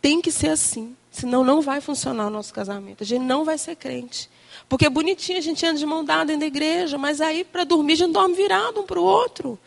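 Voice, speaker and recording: Woman, young adult, high voice, casual animated church talk to women. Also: quick pace, gravelly. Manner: chatty and animated, tag questions and quoted asides. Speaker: church speaker addressing women. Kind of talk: informal sermon talk to a congregation.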